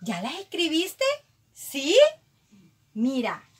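A woman teaching a kindergarten lesson to young children, praising warmly and calling them sweet names in a sing-song way. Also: high voice, sing-song. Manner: slow, sing-song praise with many endearments.

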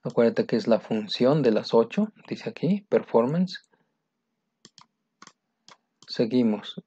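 Slow, mellow-voiced man teaching. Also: medium pitch, expressive, breathy edge, no room sound. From Mexico. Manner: patient, explains step by step and repeats answers. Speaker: English teacher. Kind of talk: recorded lesson going over exercise answers. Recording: dry, dull lo-fi sound.

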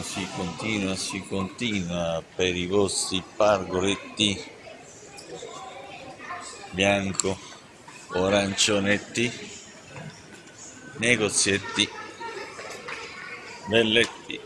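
A man's voice: deep voice, fairly even intonation, drawn-out words, pauses often. A man vlogging as he walks through a shopping mall, narrating casually in a playful, enthusiastic, teasing way. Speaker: travel vlogger. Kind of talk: casual walking-tour narration. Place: large indoor shopping mall. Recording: noisy mall ambience.

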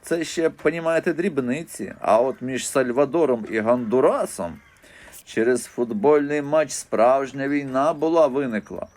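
A man's voice: mid-range voice, moderate pace, a little mellow, close to an everyday voice. A man doing a know-it-all village dad. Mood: lecturing. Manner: keeps inserting "you understand". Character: middle-aged village father, know-it-all talker.

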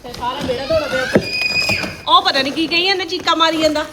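A woman's voice: very high voice, huge pitch swings, quick pace. A woman chatting casually as a family vlogger and mother, out in a home garden. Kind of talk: casual home vlog chat. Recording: clearly noisy home phone recording.

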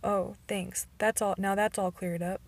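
A woman's voice: mid-range voice, fairly even intonation, brisk, husky. A woman reading the lines of an irritated, sarcastic teenage girl in a storybook, in a voice close to her own.

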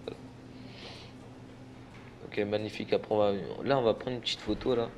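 A tired young gaming channel host gives casual gameplay commentary, rambling, tripping over his words and swearing often. His voice is on the low side, brisk and darkish with little pitch movement, and the dull, noisy audio has racing game car and engine sounds behind it.

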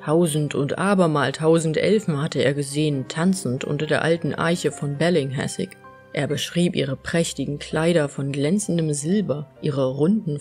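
A woman narrating a fairy tale in a calm, even storytelling manner. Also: sits low, husky. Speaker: audiobook narrator.

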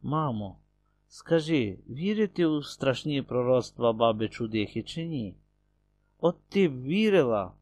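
A man voicing a young village woman, an anxious and loving daughter, speaking in soft, tender pleas. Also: mid-range voice, expressive, measured pace, no echo.

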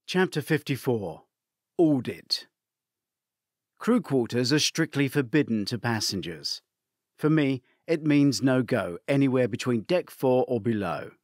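Man, audiobook narrator, lively intonation, mid pitch, dry close mic. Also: unhurried, dry recording. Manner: expressive storytelling. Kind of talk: first-person audiobook narration.

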